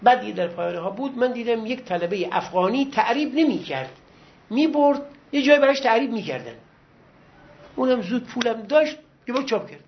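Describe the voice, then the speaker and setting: A man's voice: very high-pitched, animated. A middle-aged man, a seminary teacher, lecturing a class in a conversational, reminiscing way and giving encouragement. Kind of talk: lecture with personal anecdotes. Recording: dull lo-fi recording with faint hiss.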